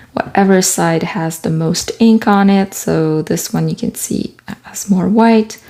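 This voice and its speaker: She speaks softly and slowly in a lowish voice, a French-speaking artist and author vlogger from Quebec, Canada. The setting is a small home studio room, where she talks casually while doing collage.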